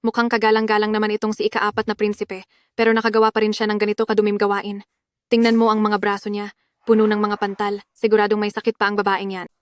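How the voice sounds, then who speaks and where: A woman's voice: mid-range voice, monotone, smooth, no room sound, clean studio sound, close to an everyday voice. [name], a woman voicing a bold, teasing heroine. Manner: quick, teasing and confident. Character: clever, bold young noblewoman heroine. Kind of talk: dubbed period drama.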